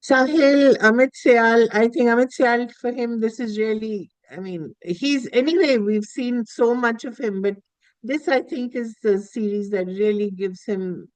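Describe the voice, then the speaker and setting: A woman's voice: fairly high pitch, unhurried, a little mellow, dry recording, low-quality recording. Woman interviewer, casual and very dry sound.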